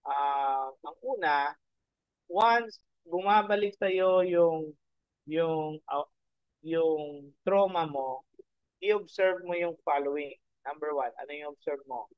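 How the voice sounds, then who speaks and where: Pastor guy preaching, lots of rhetorical questions, highish voice, kinda dull dry recording. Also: clean tone, no echo. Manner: Taglish preaching, rhetorical questions, frequent "okay?". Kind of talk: sermon.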